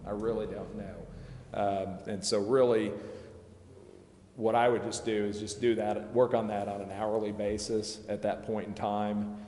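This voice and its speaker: A man advising a city council speaks informally at a public meeting in an indoor council chamber, plain-spoken, discursive and self-deprecating. His voice is lowish and mellow, with a level tone and an unhurried pace. The echoey hall adds long reverb and background noise.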